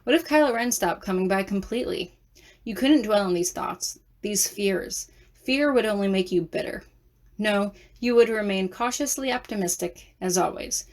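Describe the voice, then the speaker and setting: Soft-spoken woman narrating a fan story. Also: medium pitch, moderate pace. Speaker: audiobook narrator. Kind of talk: second-person fan fiction audiobook narration.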